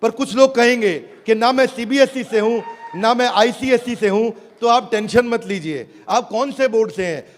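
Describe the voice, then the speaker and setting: High-voiced man pitching on stage. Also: moderate pace, a little hiss or hum. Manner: rousing, rhetorical questions to the crowd. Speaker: presenter on stage. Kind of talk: motivational product pitch. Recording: long hall reverb.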